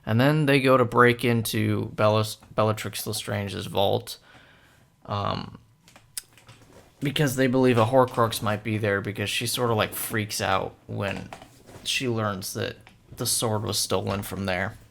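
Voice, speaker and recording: A man's voice: lowish voice, fairly even intonation, unhurried, gravelly, a bit bright. A young man talking casually through a film analysis, rambling with many fillers and hesitations. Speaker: film commentator.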